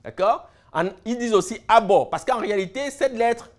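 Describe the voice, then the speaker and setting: A man's voice: high-pitched, expressive, moderate pace. A man giving a lecture, explaining signs step by step and listing words one after another, often checking in with his listeners. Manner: repeats words while explaining, lists word after word, checks in with "d'accord?". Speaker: lecturer on Egyptian hieroglyphs.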